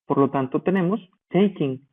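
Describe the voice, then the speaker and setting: A male teacher giving a grammar lesson, explaining rules slowly and spelling out letters, pausing to check that listeners follow. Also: on the high side. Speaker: English teacher. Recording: tinny phone-like audio.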